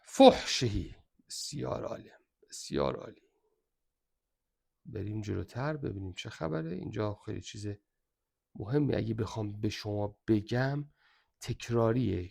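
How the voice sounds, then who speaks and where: A man's voice: on the low side, creaky, mellow. A man with an Iranian Persian accent teaching an exam review lesson, emphatically repeating which points are very important.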